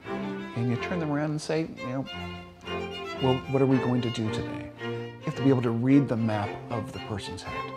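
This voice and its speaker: An older barbershop owner from Pennsylvania talks in a documentary interview, often pausing on fillers and restarting his sentences. His voice sits at an ordinary middle pitch. Music plays clearly beneath him. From Pennsylvania, USA. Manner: hesitant, many fillers and restarts. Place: small wood-panelled barbershop. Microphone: seated, medium camera framing.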